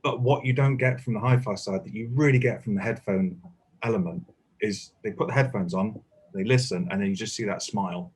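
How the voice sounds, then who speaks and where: Husky man telling anecdotes. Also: fairly low pitch, brisk. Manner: anecdotal, swears casually, animated storytelling. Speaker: guest. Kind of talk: casual chat. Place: indoors, relaxed group chat.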